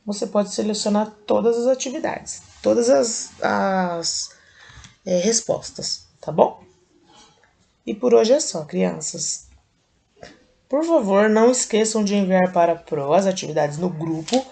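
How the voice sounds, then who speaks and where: A Brazilian woman teacher with a Brazilian Portuguese accent, slowly and patiently explaining a lesson step by step to young children. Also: medium pitch, gravelly, dark tone. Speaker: primary school teacher. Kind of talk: recorded video lesson for children.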